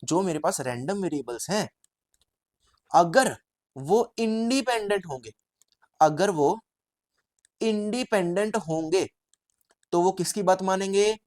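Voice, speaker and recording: A man voicing a wise male scholar who settles a dispute, explaining calmly, a bit higher than his usual teaching voice. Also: a little fast, few pauses. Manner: calm explaining.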